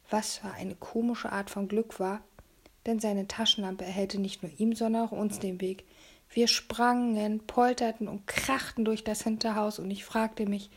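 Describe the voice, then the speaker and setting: A woman reading a children's novel aloud in a lively storybook narration, sometimes dropping to a whisper. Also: mid-range voice, husky. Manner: animated, dropping to whispers at times. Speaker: audiobook reader.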